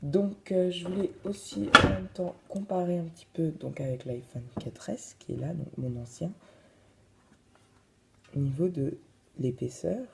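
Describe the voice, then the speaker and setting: A man's voice: a little high, a little slow, gravelly, background noise. A man casually reviewing a phone in his vlog, hesitant and full of fillers. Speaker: vlogger.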